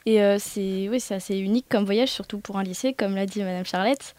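A young woman high school student being interviewed on radio, speaking hesitantly with fillers. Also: fairly quick, a little mellow, no echo, studio quality.

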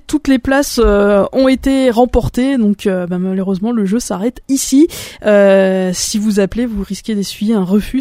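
A woman's voice: fairly high pitch, mellow, no room sound, clean studio sound. A woman hosting a radio music show, chatting about new albums with frequent hesitations. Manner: chatty, hesitant with many fillers. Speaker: radio host. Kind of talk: casual radio music presentation.

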